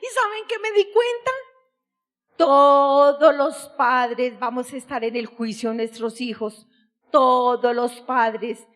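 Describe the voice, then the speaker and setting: A woman's voice: high voice, takes it slowly, a bit bright. A middle-aged woman giving an impassioned, tearful religious testimony. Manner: impassioned, tearful, crying out at times.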